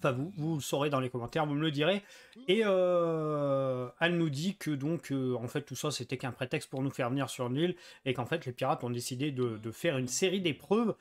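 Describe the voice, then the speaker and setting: A man's voice: fairly high pitch, fairly quick. Chatty man reviewing a game. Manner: chatty, rambling with many fillers and restarts.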